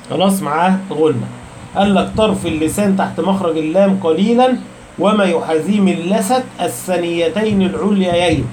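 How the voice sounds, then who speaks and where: Egyptian male teacher, high-pitched, self-answering questions, faint background hiss. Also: darkish tone. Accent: Egyptian Arabic. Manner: asks rhetorical questions and answers them himself; slows down to stress key terms. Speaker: Quran recitation teacher. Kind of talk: explanatory lecture.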